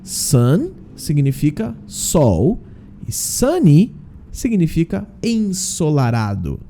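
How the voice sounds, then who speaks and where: A man from Brazil teaching a casual online language lesson, explaining slowly and drilling pronunciation with frequent check-ins. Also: fairly high pitch, huge pitch swings, warm tone, slight background noise. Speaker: English teacher.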